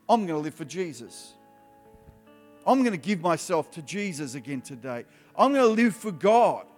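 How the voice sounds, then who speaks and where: High-voiced man preaching in a reverberant hall. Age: 50s. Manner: animated, emphatic preaching with rising bursts. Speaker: youth preacher. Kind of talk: sermon to young people. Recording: live hall with long reverb, soft music behind.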